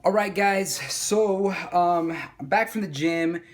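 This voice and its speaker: A man's voice: high voice, slow. A man talking casually to camera as a vlogger, rambling with fillers and restarts. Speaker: vlogger and small business owner. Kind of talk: casual vlog talk to camera. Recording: roomy echo.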